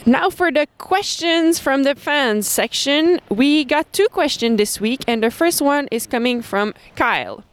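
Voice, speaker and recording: A woman's voice: high-pitched, animated, unhurried, few pauses, a little hiss or hum. A woman who races bikes, hosting in a casual, conversational style. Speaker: host and bike racer. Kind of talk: casual race recap and interview.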